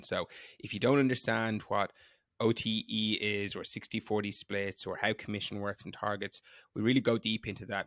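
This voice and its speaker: A man with a lowish, very creaky voice hosts a podcast in a conversational way. The recording is dry, with hardly any room sound. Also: a bit bright, dry recording. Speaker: podcast host. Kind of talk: conversational podcast introduction and interviewing.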